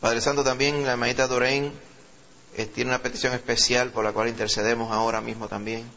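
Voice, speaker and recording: A male pastor with a Puerto Rican accent who leads a sermon, reads scripture slowly with rising emphasis, and prays fervently, repeating "Señor" and "Padre". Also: mid-range voice, level tone, pushed and bright, lo-fi sound. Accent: Puerto Rican Spanish. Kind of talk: sermon with scripture reading and prayer.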